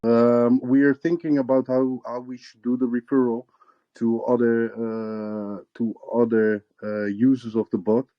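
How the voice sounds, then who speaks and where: A man's voice: medium pitch, level tone, measured pace, no echo, lo-fi sound. A man representing a crypto project, answering interview questions hesitantly with many fillers and restarts.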